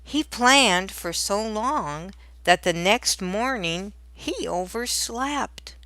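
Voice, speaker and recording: Reading a children's storybook aloud, a woman uses a deliberate, expressive storytelling style. Her pitch sits in the middle range, and the recording carries no room sound.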